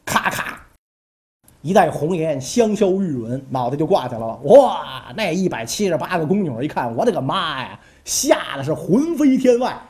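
Lady telling old history stories, jokey and chatty, lower voice, bouncy. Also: sing-song, moderate pace, few pauses, mellow. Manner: jokey, chatty asides to listeners. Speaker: storyteller. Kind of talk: colloquial history storytelling.

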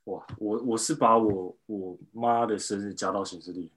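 A man's voice: lowish voice, steady tone, normal speed, fairly bright tone, slight background noise, rough recording. A man, a podcast co-host who responds with lots of exclamations. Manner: reactive with exclamations. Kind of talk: casual chat.

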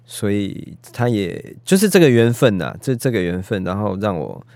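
Male interview guest, film director, Taiwanese Mandarin accent; low, lively pitch, halting and self-effacing delivery. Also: no echo. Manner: hesitant, self-deprecating, searching for words. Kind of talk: casual conversational interview.

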